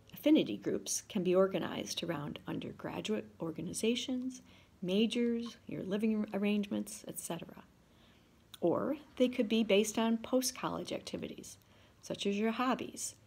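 A woman in her sixties, a class officer, giving measured prepared remarks over a video call from her living room. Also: medium pitch, vocal fry, darkish tone, slightly rough. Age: 60s. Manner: measured, reading from notes. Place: home living room, indoors. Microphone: video call, laptop camera.

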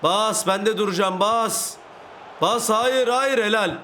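A young man giving casual commentary on a football video game, getting frustrated, ranting and shouting at big plays. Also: high-pitched, takes it slowly, slight background noise. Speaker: gaming YouTuber.

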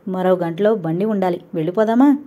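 A shy, obedient young wife who answers quietly and humbly, as a woman reader voices her. Her voice is soft and mellow. It sounds like a gentle storybook heroine. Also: on the low side, brisk, natural voice. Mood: meek. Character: timid, meek young wife.

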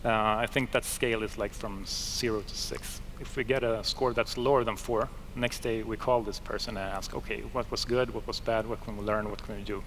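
A man's voice: lowish voice, steady tone, moderate pace, hardly any pauses, fairly bright tone, slight background noise. A man in his thirties speaking on a conference panel, casual and hesitant with many fillers. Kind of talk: panel discussion. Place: conference stage. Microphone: headset.

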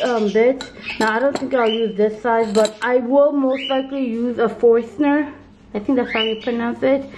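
A congested woman with a slightly high, darkish voice hosts a home craft video, rambling through casual show-and-tell with many ums and self-corrections as she shows her work off camera. The sound is dull and lo-fi with faint noise.

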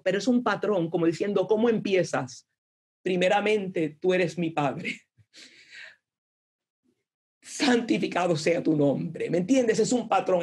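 A woman's voice: mid-range voice, darkish tone, slightly rough. A woman giving an earnest, conversational devotional talk, acting out prayers with many restarts.

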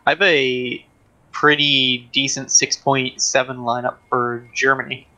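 Flat, bright-voiced man chatting over a game. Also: medium pitch, unhurried, rough recording. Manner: hesitant, lots of ums and restarts, flat delivery. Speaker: co-player on a game stream. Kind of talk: casual gaming chat.

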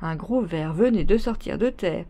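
Low gravelly woman reading a novel aloud. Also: lively intonation, normal speed, mellow. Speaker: reader.

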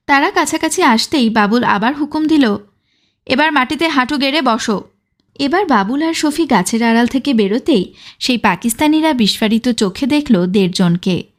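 Woman narrating an audiobook, fairly high voice. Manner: steady, measured storytelling.

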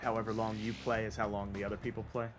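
A man's voice: fairly low pitch, level tone, fast. A man in casual, slangy, bro-like banter while streaming a video game. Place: indoor room, game stream. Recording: game music behind voice.

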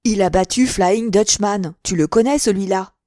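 A woman voicing a calm, conciliatory gang leader. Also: mid-range voice, no room sound, studio quality, lightly acted. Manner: deliberate, soothing.

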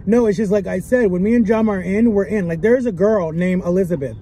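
This young vlogger talks earnestly to a camera mounted at dashboard distance from his seat inside a car, repeating phrases in casual chat. He speaks fast, in a high-pitched voice with a dark tone, over in-car background noise.

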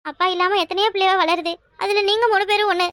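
A sorrowful cartoon mother, played by a woman speaks. Her voice is very high and quick, and it sits dry and close to the mic. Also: fairly even intonation, fairly bright tone, no room sound. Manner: tearful, earnest pleading. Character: loyal wife and mother, sorrowful but firm. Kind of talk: cartoon voice acting.

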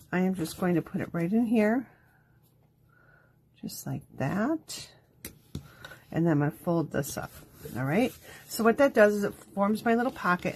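Woman craft host, somewhat low voice, voice going, chatty how-to tone over faint hiss. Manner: chatty step-by-step instructions. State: losing her voice. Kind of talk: live-streamed crafting demo. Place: home craft studio.

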